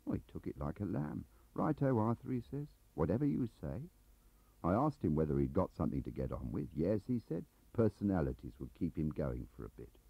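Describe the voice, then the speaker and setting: On a dull, lo-fi cassette transfer of an audiobook, a male reader voices a lonely, middle-aged English clerk who confides and complains in a rambling, defensive, aggrieved manner. His delivery is low, husky, animated and exaggerated, and fairly quick. The recording sounds muffled and has no room sound.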